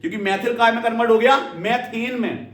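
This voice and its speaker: High-voiced male teacher in an echoey room. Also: steady tone, a little fast, a bit bright, distant mic. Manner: repeats key terms and checks understanding with "clear?"; addresses students fondly as "beta". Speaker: chemistry teacher. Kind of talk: classroom lecture. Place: classroom.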